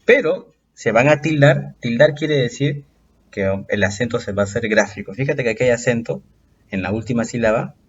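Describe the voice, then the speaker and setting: A man teaching a recorded exam-prep lesson, patiently explaining step by step and drawing out example words slowly. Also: medium pitch, lively intonation, breathy edge, muffled recording.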